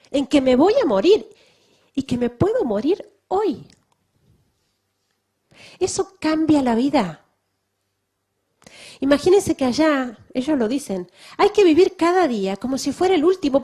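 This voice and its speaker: A woman missionary with a high, slightly mellow voice and a breathy edge gives her testimony to a church audience. It's a public talk, emphatic and full of rhetorical questions.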